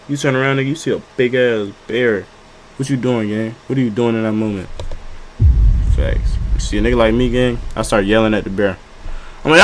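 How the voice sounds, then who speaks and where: A man's voice: mid-range voice, a little hiss or hum. A man giving casual reaction commentary, joking and rambling in slang and repeating himself. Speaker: streamer reacting to videos.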